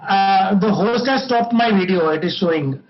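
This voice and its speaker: A man's voice: high-pitched, moderate pace. An Indian-accented man speaking as a doctor introducing himself on an online panel. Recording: dull, noisy video-call audio.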